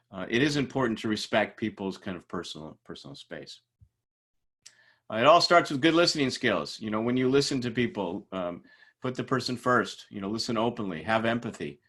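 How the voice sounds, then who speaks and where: A man's voice: medium pitch, animated, moderate pace, a bit bright, breathy edge. A man teaching a recorded lecture in a casual, conversational way, with frequent fillers and restarts.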